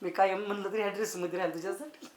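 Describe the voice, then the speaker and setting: A man's voice: sits high, steady tone, racing, natural voice. An actor playing a brash lovesick young village man, boastful and full of rustic banter. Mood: sweet-talking. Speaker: lovesick suitor. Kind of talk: village comedy acting.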